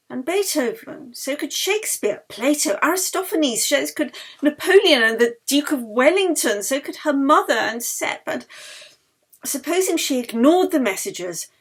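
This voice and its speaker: With a high, husky voice full of breath, a woman performs her own novel as an audiobook. The narration is expressive and dramatic, trailing off into hushed whispers at the close of each phrase.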